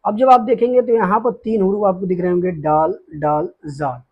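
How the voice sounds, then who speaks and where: A man teaching beginners the Urdu alphabet, patiently explaining each letter and often checking with a quick "okay". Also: high voice, fairly even intonation, dull audio. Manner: slows down to spell out letters.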